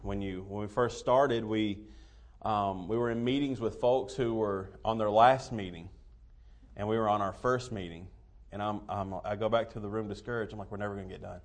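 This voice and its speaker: A man's voice: lowish voice, steady tone. Folksy Appalachian man preaching. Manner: folksy, halting and self-deprecating. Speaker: visiting missionary preacher. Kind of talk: sermon, folksy address to a congregation.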